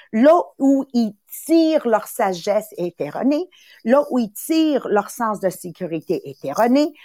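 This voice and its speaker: A sales coach around sixty, born in Italy and speaking with a Quebec French accent, hosts a motivational podcast talk. She is animated and emphatic, repeating phrases and acting out little voices. Her voice sits fairly high, and the recording is dry.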